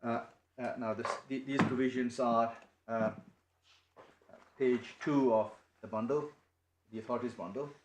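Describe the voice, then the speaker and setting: A man making a legal submission to appeal judges, halting and restarting often as he speaks. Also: mid-range voice, steady tone. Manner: halting, many restarts and repeated words. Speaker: barrister. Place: courtroom. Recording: echoey courtroom, faint noise.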